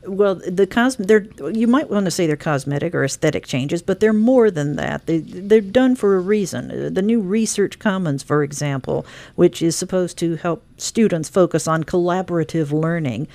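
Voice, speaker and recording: A woman with a fairly low voice hosts a radio talk segment. She moves briskly from one item to the next, promoting each event on the list. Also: dark tone. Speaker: radio show host. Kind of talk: scripted-sounding radio interview.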